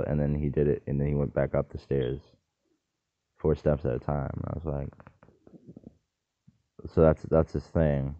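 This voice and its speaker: A very deep-voiced man rambles through a loose, jokey solo monologue, drifting between topics and breaking off mid-thought. The recording is dry with a tinny, phone-like quality.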